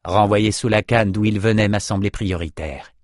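A man reading an audiobook, voicing a calm, self-assured male hero who explains things in a matter-of-fact, wry way. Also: lowish voice, normal speed, no echo, clean studio sound, close to an everyday voice.

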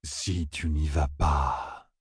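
Eerie nonhuman seer, drawn out and breathy, voiced by the narrator, dry close recording. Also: male voice, a bass voice, fairly even intonation, dry recording, pitched below the performer's own voice, exaggerated voice. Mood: ominous. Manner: slow, hushed, drawn out. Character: eerie inhuman being, slow and ominous.

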